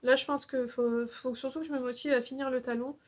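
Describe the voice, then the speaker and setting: A young woman hosts a knitting podcast in a casual show-and-tell chat, sounding hesitant with many fillers and restarts. Her voice sits high, with fairly even intonation and a brisk pace.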